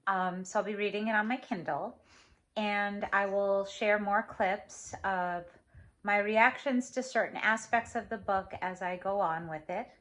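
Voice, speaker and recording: A woman's voice: mid-range voice, steady tone, measured pace, fairly bright tone. A middle-aged woman talking casually in a video diary about a book she is reading, thinking aloud as she goes. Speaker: vlogger's mother.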